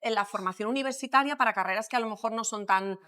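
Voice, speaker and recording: A middle-aged woman from Madrid speaks with a Spanish accent and a fairly high voice. She is a surgeon in a podcast interview, and she thinks out loud with frequent pauses and fillers. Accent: Spanish from Spain. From Madrid, Spain. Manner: thoughtful, many pauses and fillers. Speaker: plastic surgeon guest.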